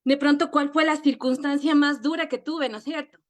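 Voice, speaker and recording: A woman with an Ecuadorian accent gives a heartfelt personal testimony in a high voice. She speaks earnestly, often stopping to repeat small words before pushing on. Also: steady tone. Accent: Ecuadorian Spanish. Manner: emotional and earnest, halting with many repeated words. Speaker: network marketing leader.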